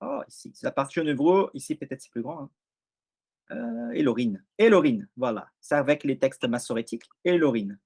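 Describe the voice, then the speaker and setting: A man's voice: mid-range voice, big pitch swings, fairly quick, vocal fry, a little mellow, slightly rough. A man with a non-native accent leading an informal Bible study, explaining step by step and often checking that his listeners follow.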